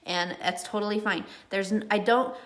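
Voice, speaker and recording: A woman who works as a makeup artist gives a live makeup tutorial in a chatty, reassuring way, wandering onto little tangents and murmuring soft asides under her breath. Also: medium pitch, fairly even intonation, moderate pace.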